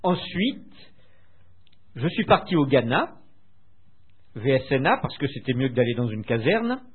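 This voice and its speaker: Older man reminiscing, husky and lively. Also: mid-range voice. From France. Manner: hesitant, many filler pauses. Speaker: interviewee. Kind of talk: recounting memories in conversation. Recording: tinny phone-line sound.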